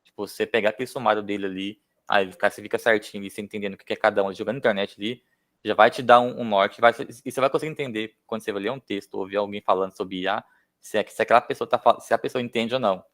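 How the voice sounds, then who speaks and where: A man's voice: on the low side, fairly even intonation, racing, a bit bright. A Brazilian man explaining technology informally in a seminar discussion. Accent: Brazilian Portuguese. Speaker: speaker.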